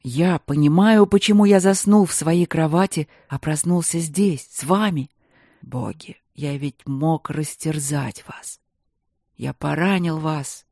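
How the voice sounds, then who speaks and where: An audiobook narrator voicing a grown man who turns into a bear. He speaks low, hoarse and slow, as if barely holding himself back. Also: a little mellow, dry recording, studio quality. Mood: growling. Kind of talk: audiobook reading.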